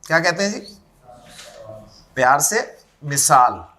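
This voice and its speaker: A man leads a classroom grammar lecture. His voice sits high and sounds bright and sharp, and his delivery is slow and deliberate. He keeps repeating key terms and quizzing students by name. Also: expressive. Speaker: teacher.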